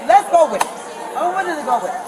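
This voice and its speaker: Drunk, unruly female passenger, high voice, argues heatedly in circles, busy public space with people around. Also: sing-song, fast. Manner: drunk, unruly, argumentative and repetitive. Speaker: airline passenger arguing with police. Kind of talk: heated spontaneous argument. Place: busy airport terminal, body camera audio. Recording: busy public space, crowd chatter behind.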